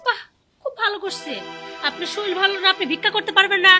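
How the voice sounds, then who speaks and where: A woman's voice: very high voice, fairly even intonation, fast. A woman playing a cruel daughter-in-law who scolds and sneers at her mother-in-law, then stammers and begs when caught. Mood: sneering. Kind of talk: melodramatic short drama acting. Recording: music underneath.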